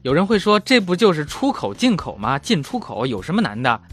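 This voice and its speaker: A man's voice: fairly high pitch, sing-song, brisk, a bit bright, soft background music. A man in his thirties hosting a casual language lesson, chatty and self-mocking. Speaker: German language teacher and host.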